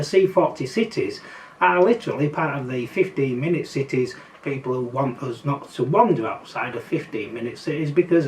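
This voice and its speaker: An older man with a Yorkshire accent talking casually to his viewers in a wry, skeptical way. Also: a little high. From Yorkshire, England. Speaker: political commentary vlogger. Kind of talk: casual monologue to camera. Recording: slightly distant mic, faint background noise.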